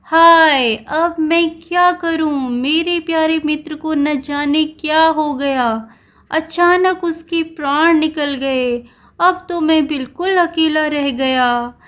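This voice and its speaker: A woman's voice: high voice, lively intonation, takes it slowly, fairly bright tone, exaggerated voice. A woman voicing a male tortoise who is faking grief over his friend in a children's story, with a dramatic wailing lament.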